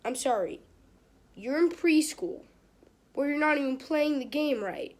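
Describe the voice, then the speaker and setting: An amateur woman reads a children's book aloud, casual and stumbling, with chatty, informal asides. Her voice is high and animated but darkish in tone, and a little slow. It's a clearly noisy home recording with clicks.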